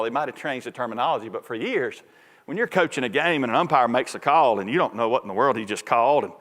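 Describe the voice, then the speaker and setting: A man preaching a sermon as pastor, moving from folksy storytelling into loud, fervent preaching. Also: medium pitch. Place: large church sanctuary. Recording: reverberant church hall.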